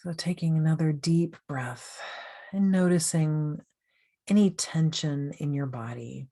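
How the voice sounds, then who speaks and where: A woman coach leading a guided meditation in a slow, soothing, gently inviting way. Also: low-pitched.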